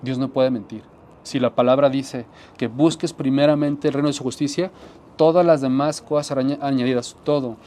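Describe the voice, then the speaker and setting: A man's voice: medium pitch, steady tone, a little fast, slight background noise. Earnest man preaching a testimony. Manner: earnest, repetitive, drops to soft tones for emphasis. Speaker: pastor. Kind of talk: sermon testimony.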